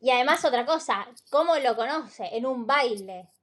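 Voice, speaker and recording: A woman's voice: high-pitched, animated, moderate pace. A woman co-hosting a podcast, retelling stories in a conversational way with many fillers and tag questions. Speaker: podcast co-host. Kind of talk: casual podcast chat.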